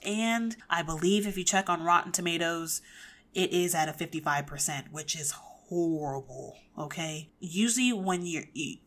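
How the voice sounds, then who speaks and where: Woman, 20s, podcast host, slightly low voice, casual commentary, animated, opinionated, restarts often. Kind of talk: casual pop-culture commentary.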